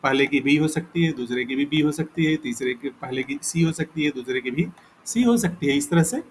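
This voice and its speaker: A man teaching a recorded lesson, explaining step by step and repeating points, reading definitions aloud slowly. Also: a little high, slight background noise. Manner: explains slowly in Hindi, reads English definitions aloud haltingly with pauses. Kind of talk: recorded lecture.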